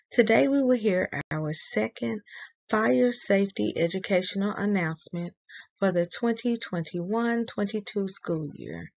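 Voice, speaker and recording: Slow-paced woman reading school morning announcements. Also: mid-range voice, vocal fry, dull audio.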